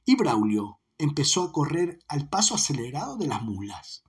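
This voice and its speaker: A man narrating an audiobook in a dramatic, varied reading with a husky voice. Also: fairly high pitch, sing-song, moderate pace.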